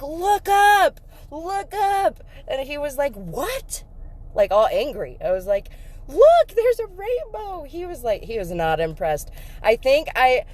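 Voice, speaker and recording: A woman telling an emotional faith story in a casual vlog, emphatic and excitable, breaking into laughter. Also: medium pitch. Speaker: faith vlogger.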